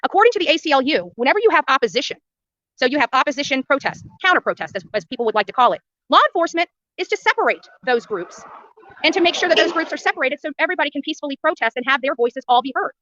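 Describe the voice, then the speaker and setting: This recording is dry and dull. The speaker has an expressive, high, somewhat bright voice and talks very fast as an independent livestream reporter hosting her own show. Outdoors at a roadside before a house, she addresses viewers with indignant, emphatic bluntness and repeated phrases.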